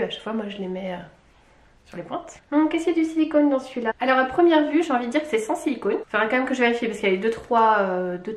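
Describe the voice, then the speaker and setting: A woman from Lyon chatting casually through an unboxing, excitable and gushing, with little squeals and exclamations. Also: fairly high pitch. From Lyon, France. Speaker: beauty vlogger. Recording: echoey room.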